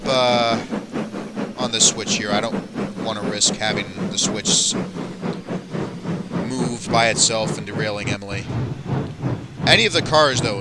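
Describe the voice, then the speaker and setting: A man giving easygoing, rambling commentary on a train game. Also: fairly low pitch. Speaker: gameplay commentator. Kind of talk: casual gameplay commentary. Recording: loud game noise behind.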